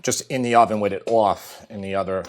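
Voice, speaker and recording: A middle-aged man with a Long Island accent, showing a recipe in his home kitchen in a relaxed, chatty way full of fillers. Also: on the low side, brisk. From Long Island, New York. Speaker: cooking show host. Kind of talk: casual cooking demonstration.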